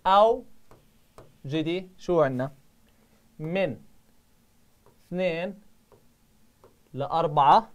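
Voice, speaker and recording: Jordanian male math teacher quizzing students. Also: fairly high pitch. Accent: Jordanian Arabic. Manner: quizzing students with quick questions. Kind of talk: live online review lesson.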